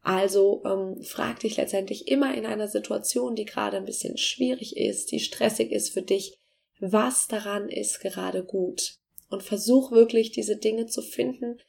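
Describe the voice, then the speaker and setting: Woman doing a self-help coaching talk, a bit of vocal fry, lots of um and well, talks right to you. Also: medium pitch, steady tone, a little slow, darkish tone. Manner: explains in steps, addresses the listener directly; filler-heavy, frequent restarts.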